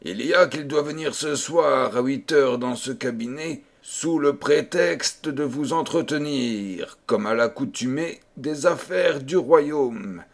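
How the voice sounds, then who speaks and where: A man's voice: mid-range voice, slow pace, gravelly, few pauses, voice pushed up. A man reading a fairy tale, voicing a sinister scheming male courtier with a mysterious, clipped manner.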